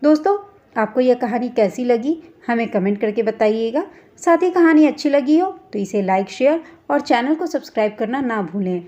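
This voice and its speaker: A woman's voice: a little high, lively intonation, moderate pace, warm tone. A woman narrating a family story in the first person, with earnest, emotional delivery.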